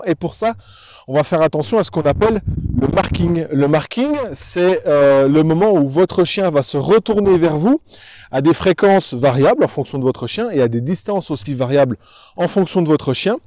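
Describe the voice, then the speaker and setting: A man with a slightly high, mellow voice and no room sound works through a dog training tutorial, instructing in a didactic manner and talking to the viewer directly.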